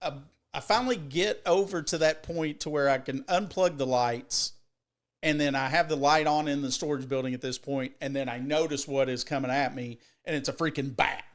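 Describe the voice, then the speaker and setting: A man co-hosting a podcast, telling a rambling, profane story in an animated way with many restarts. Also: on the high side, moderate pace. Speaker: podcast co-host. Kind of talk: casual storytelling.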